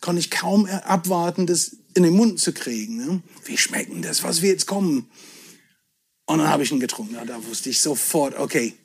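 A man's voice: on the high side, lively intonation, moderate pace, slightly rough. A middle-aged man from southwest England, whose first language is English, chatting as a podcast guest and telling stories with self-deprecating humour. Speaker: podcast guest, whisky entrepreneur. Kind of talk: casual chat.

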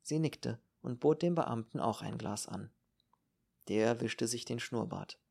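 A man reading an audiobook in a calm, measured narration. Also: medium pitch, creaky, breathy edge. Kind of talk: scripted narration.

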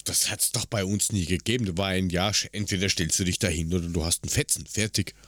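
A man co-hosting a casual podcast, talking in a relaxed, matter-of-fact way. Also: deep voice, fast, no echo. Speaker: podcast co-host. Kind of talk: casual podcast chat over a call.

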